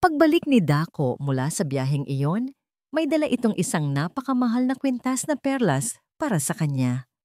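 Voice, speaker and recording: A woman narrates a scripted dramatic story in a medium-pitched, darkish voice that is very animated at normal speed. The studio sound is clean, with no room sound.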